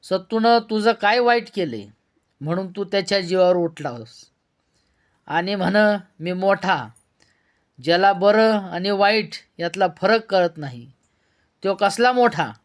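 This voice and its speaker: A grave, reproachful village mother from a storybook, read by a male narrator. She speaks in a fairly high voice kept close to the reader's own, with a steady, weighty tone. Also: a little slow, pauses often. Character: stern older village mother, woman.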